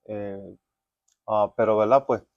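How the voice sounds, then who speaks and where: A man with a low voice tells his life story as a pastor in a podcast interview. He speaks earnestly and reflectively, often pausing on fillers. The sound is dull and lo-fi, with no room echo. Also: fairly even intonation. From United States. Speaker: pastor, guest. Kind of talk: relaxed testimony interview.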